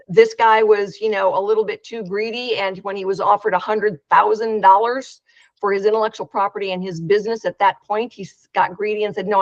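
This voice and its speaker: A woman's voice: mid-range voice, no room sound. A woman running an inventors' meetup, talking frankly in casual chat, with lots of fillers and restarts. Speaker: meetup organizer. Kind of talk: casual video-call chat. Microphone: video call. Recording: dry, dull video-call audio.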